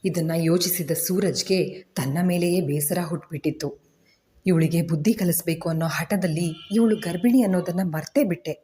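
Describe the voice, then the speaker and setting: A woman narrating a family story in a steady, emotive storytelling style. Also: on the low side, moderate pace, a little hiss or hum.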